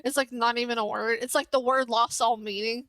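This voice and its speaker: A young woman hosts a game stream, chatting loosely and giggling with her viewers. Her voice sits high, and the sound is dry and close, with no room tone. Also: steady tone, fairly quick, fairly bright tone, dry recording. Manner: giggly and scattered, talking to chat. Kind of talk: casual live-stream chat.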